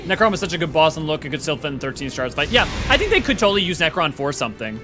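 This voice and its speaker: Male streamer, casual chat with viewers; lively, bouncing delivery, keeps restarting sentences. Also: a little high, over music. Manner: excitable, rambling, quick restarts. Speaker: livestream host. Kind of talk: casual livestream chat reading viewer comments.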